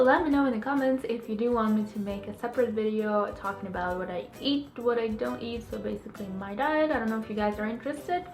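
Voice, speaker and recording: This young woman has a Russian accent and a fairly high-pitched, fairly bright voice. As a vegan food vlogger, she chats cheerfully to viewers while narrating her cooking.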